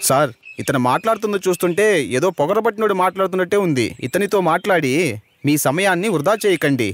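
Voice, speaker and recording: A man plays the fussy, easily panicked driver of a dubbed cartoon, a jumpy chatterbox who keeps addressing his boss as "sir." He speaks fast, in a high, expressive voice, with a music bed running beneath the lines.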